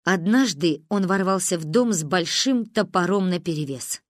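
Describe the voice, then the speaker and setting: A woman's voice: normal speed, no echo, studio quality. Woman narrating a family story. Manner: lively, acts out quoted lines with big pitch jumps. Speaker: audiobook narrator. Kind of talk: scripted narration with voiced dialogue.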